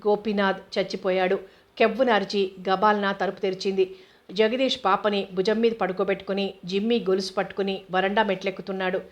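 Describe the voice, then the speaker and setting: Reading a novel for an audiobook, a woman keeps a steady, measured rhythm and an even tone at medium pitch. The sound quality is dull and lo-fi.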